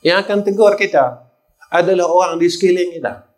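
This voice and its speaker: A man's voice: high-pitched, a little fast. An older man with a Kedah Malay accent, preaching a sermon and telling stories to the congregation, often turning to address the listeners directly. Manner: storytelling, repeatedly addressing the audience as sirs.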